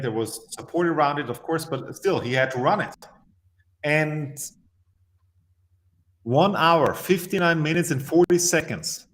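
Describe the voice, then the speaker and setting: An Austrian man with a mid-range voice appears as an interview guest, telling stories emphatically with measured pauses.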